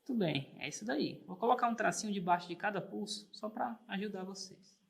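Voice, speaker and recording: A man's voice: high-pitched, a little fast, gravelly. A man teaching an online music theory lesson, patient and encouraging, often checking in with the learner and singing single sustained notes while clapping the beat.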